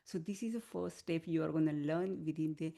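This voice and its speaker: A woman leading an online wellness class as a healing teacher, giving soothing, unhurried instruction. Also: deep voice, creaky, mellow. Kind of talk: online wellness class talk with guided relaxation.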